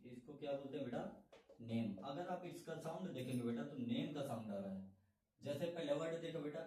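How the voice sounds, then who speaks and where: A man's voice: fairly high pitch, warm tone, recorded from a distance. Male teacher in an echoey room. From India. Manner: explains slowly, repeats questions to students, calls them "beta". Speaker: English teacher. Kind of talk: classroom-style lesson.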